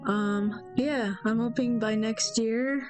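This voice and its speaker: A young woman streams her solo game development, chatting casually and rambling with lots of fillers, hesitations, and trailing thoughts. Her voice is a little high and a little mellow, with a steady tone and a slow pace, though her nose sounds stuffy and her throat sore. Faint music plays behind her.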